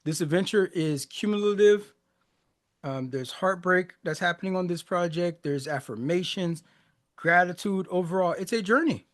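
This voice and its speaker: Here a forty-something man, Haitian-born and US-raised, hosts a music reaction podcast in a high-pitched voice at normal speed. He's casual and reflective, quick to laugh, loose and conversational, and often restarts or uses fillers.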